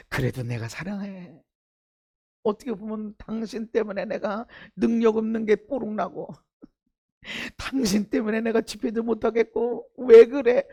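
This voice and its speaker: Middle-aged male pastor, very high gravelly voice, sermon delivery from quiet asides to shouted fervor. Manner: swings from hushed intimacy to shouted fervor; rhetorical questions to the congregation. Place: church sanctuary.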